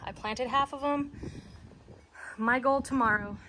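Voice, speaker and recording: A woman's voice: high-pitched, unhurried. A young woman vlogging in her backyard garden, chatty and rambling as she works, and out of breath. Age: young adult. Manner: chatty, rambling, talks while working. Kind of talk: casual chat while gardening. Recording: faint outdoor noise, windy.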